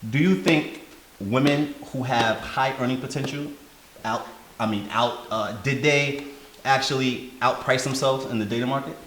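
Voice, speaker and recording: Male host asking halting questions. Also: medium pitch, a bit bright. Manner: loose, halting questions with repeated fillers. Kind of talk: casual roundtable chat. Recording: echoey room with faint hiss.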